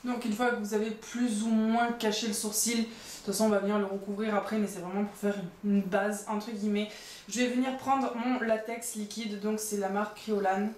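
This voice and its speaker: Here a young vlogger talks through a laid-back makeup tutorial at normal speed, her mid-range voice level and somewhat dark. She keeps it chatty, leaning on "donc" and poking gentle fun at herself. The room sounds spacious, and faint background noise can be heard.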